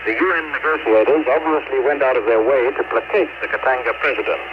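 A man of medium pitch files a scripted foreign news report. His delivery is formal and declarative. The sound is narrow and tinny, like a shortwave feed with clear noise over it. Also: fast. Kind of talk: scripted radio news dispatch.

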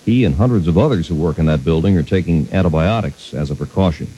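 A man's voice: low voice, fast talker, dark tone, slightly rough, rough recording. An American man anchoring a radio news roundup, reading from a script.

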